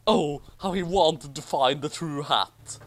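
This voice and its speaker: A man with a slightly high voice takes his time reading a story aloud, expressive throughout and pausing for sardonic asides that mock the tale.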